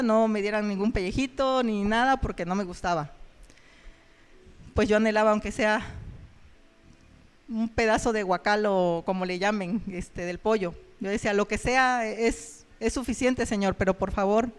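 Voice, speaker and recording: A woman stands before a church congregation to give a personal testimony. Her voice is smooth and clear at an ordinary middle pitch. She tells her story earnestly, pausing and circling back with small fillers as she goes. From Mexico.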